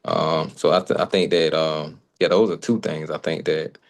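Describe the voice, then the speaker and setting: A man co-hosting a podcast in relaxed, friendly conversation, circling back over his points as he talks. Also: very deep voice, moderate pace. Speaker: podcast co-host. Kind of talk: casual conversation.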